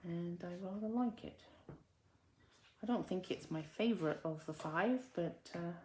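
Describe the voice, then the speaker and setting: Woman, low slow voice, chatty crafting host, faint background hiss. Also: a little mellow. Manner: chatty, self-deprecating, mutters to herself while working. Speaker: card-making demonstrator. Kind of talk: casual crafting tutorial.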